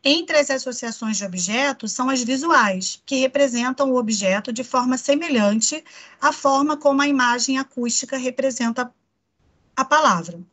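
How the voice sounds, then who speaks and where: A woman's voice: high-pitched, animated, moderate pace, a bit bright. A woman with a Brazilian accent, giving a psychoanalysis lecture in an explanatory way, often checking in with the listener. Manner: explanatory, frequent tag questions "né". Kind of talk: online lecture.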